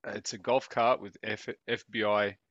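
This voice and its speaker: A man's voice: on the low side, flat delivery, moderate pace, fairly bright tone, no room sound, muffled recording. A man co-hosting a podcast, chatting casually and joking with frequent laughs. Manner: jokey, laughs often, bantering. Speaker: podcast co-host. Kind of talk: casual chat.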